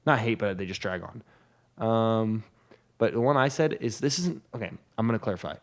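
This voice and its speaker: A man's voice: fairly low pitch, a little fast. A young man co-hosting a podcast, chatting casually and laying out his opinions in a matter-of-fact way. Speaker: podcast co-host. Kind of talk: casual chat.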